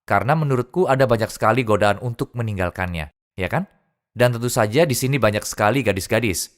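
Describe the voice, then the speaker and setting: A man's voice: mid-range voice, fast. A man earnestly telling his own conversion story in a dubbed first-person testimony.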